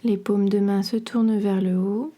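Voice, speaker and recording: A podcast host and yoga nidra guide leads a relaxation meditation, soothing, measured and instructional. Her soft, mid-range voice holds a steady tone and turns breathy at the ends of phrases.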